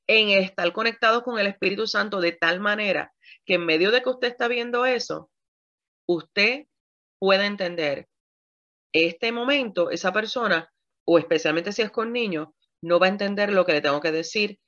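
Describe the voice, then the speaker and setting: A woman pastor, preaching about communication, animated, acting out examples and speaking straight to her listeners. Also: mid-range voice, dull audio. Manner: animated, acts out examples with shifting tones; addresses the audience directly, laughs often. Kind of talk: sermon on communication.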